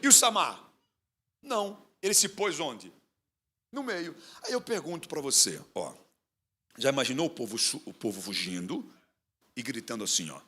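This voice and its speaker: A man's voice: medium pitch, very animated, normal speed, pauses often, sharp tone, slightly rough. A male pastor preaching a sermon with fiery delivery, asking questions and drawing answers from the congregation.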